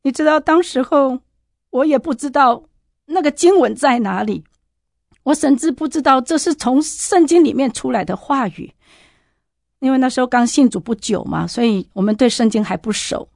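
A woman gives an earnest personal testimony, speaking straight to her listeners with fervor. Her voice sits fairly high and is recorded close and dry, with no room around it. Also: normal speed, creaky, darkish tone, dry recording. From Taiwan. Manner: earnest, heartfelt, addresses listeners directly.

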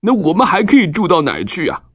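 Casting: male storyteller as lamenting old father, raised pitch, reproachful and distressed, children's Bible tale. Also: huge pitch swings, fast, fairly bright tone, slightly rough, dry recording, studio quality, exaggerated voice. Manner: sighing, lamenting. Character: distressed old father scolding his grown sons.

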